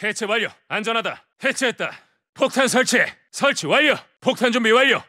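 A man's voice: extremely high pitch, lively intonation, a little fast, sharp tone, no echo, clean studio sound, full character voice. A man voicing a tough, cocky special-forces soldier, delivering clipped combat callouts as video game voice lines. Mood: terse, quiet. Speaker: military operator.

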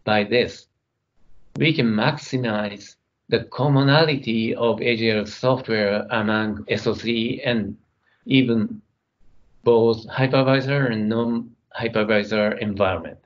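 A middle-aged man giving a technical conference keynote from his computer, speaking in a measured way as he talks through his slides. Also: fairly low pitch, muffled recording. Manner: measured, reading slides, some non-native grammar.

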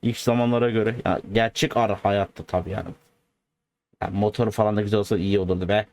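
A man giving casual, excitable gameplay commentary as a video host, joking and bantering in slangy street talk. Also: lowish voice, fast.

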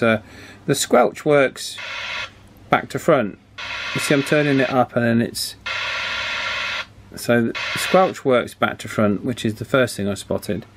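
A radio repair hobbyist gives an informal hands-on demonstration at an indoor electronics workbench, thinking aloud and hesitating as he works. His voice sits at a medium pitch, and the background is noisy.

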